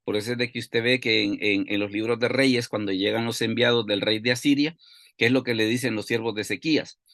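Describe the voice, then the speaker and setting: A man's voice: medium pitch, steady tone, a little fast, fairly bright tone, dry recording. Man teaching a Bible lesson, dry sound. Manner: explanatory, asks and answers his own questions.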